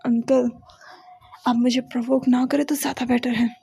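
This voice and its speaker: A woman's voice: a little high, flat delivery, moderate pace, gravelly, dark tone, slightly rough, heavily acted. A woman voicing a clingy, teasing, possessive young male lover in a read-aloud story, in a playful coaxing way.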